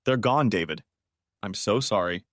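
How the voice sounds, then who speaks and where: A man's voice: fairly low pitch, expressive, moderate pace, no echo, studio quality, lightly acted. A man voicing a distraught young woman lawyer who pleads through tears in a storybook reading. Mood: urgent, tearful. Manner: pleading, tearful.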